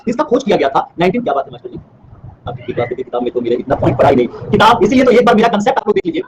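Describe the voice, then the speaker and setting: Male teacher with a high voice, lecturing online at a rapid pace, repeats each answer for revision. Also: background noise. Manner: quizzes by asking and answering his own questions; repeats key terms for revision. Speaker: history teacher.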